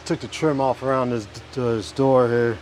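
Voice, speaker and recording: A man's voice: mid-range voice, fairly even intonation, normal speed, a little mellow. A man casually narrating his hands-on work in a vlog, muttering to himself in an offhand way and swearing now and then. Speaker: DIY vlogger. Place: inside a food truck. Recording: clear vehicle and fan noise.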